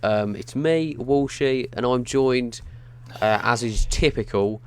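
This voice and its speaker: A man's voice: mid-range voice, slow, smooth. A young man hosting a casual podcast chat, swearing freely and bantering crudely with his co-host.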